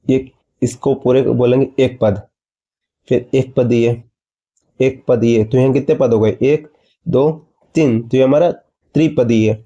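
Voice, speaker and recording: A man's voice: medium pitch, steady tone, a little slow, pauses often, mellow, dull audio. A man teaching a maths lesson, explaining step by step and asking his students questions before answering them himself. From India.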